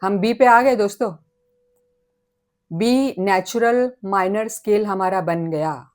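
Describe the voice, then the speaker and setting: Slow patient woman teaching piano. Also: mid-range voice, a little mellow. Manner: slow and patient, counting notes aloud; sings note names. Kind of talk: casual spoken piano lesson.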